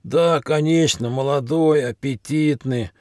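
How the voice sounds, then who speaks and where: A man voicing a hungry, sly and cowardly male stray dog in a storybook, with a gruff, coughing voice. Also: mid-range voice, unhurried, darkish tone, no echo, clean studio sound, pitched above the performer's own voice, lightly acted. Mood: sly growl. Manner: growling, then flustered muttering.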